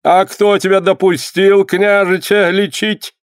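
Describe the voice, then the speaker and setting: A man's voice: sits high, level tone, unhurried, clean tone, dry recording, studio quality, voice pushed up. A man voicing a cruel boyar who interrogates a prisoner, issuing commands in a sneering tone. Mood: stern. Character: cruel stern male boyar interrogator, mocking.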